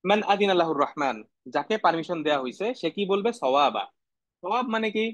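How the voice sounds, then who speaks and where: High-voiced male Arabic teacher. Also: lively intonation, brisk, fairly bright tone, no echo. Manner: explains word by word, repeats terms and asks the class questions. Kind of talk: Quranic Arabic grammar lesson.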